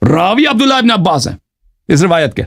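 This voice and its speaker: A man's voice: high voice, sing-song, a bit bright. A man arguing in a heated religious debate on a live call-in show, pressing the same pointed questions again and again. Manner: insistent, repeats pointed questions.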